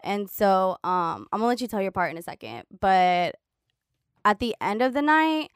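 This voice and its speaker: A woman's voice: mid-range voice, moderate pace, smooth, no room sound, studio quality. A woman casually telling a long story, swearing freely and saying "like" constantly. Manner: profane, animated, heavy use of "like".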